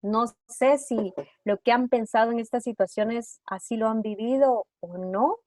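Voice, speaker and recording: A woman's voice: fairly high pitch, darkish tone, no room sound, clean studio sound. A woman leading an online workshop over a video call, putting one question after another to her audience. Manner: asks rapid rhetorical questions to the audience. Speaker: trauma-informed care workshop facilitator.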